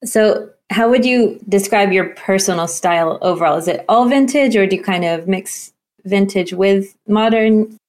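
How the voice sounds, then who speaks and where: A woman's voice: medium pitch, moderate pace, darkish tone. A woman hosting a podcast, asking a guest questions with enthusiasm. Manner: enthusiastic, inquisitive. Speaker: podcast host. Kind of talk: interview questions.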